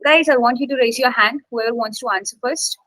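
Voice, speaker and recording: Bright, high-voiced woman teaching online. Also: a little fast, dry recording, rough recording. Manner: checks in constantly with "okay?" and coaxes students to speak. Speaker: English exam instructor. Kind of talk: live online class teaching.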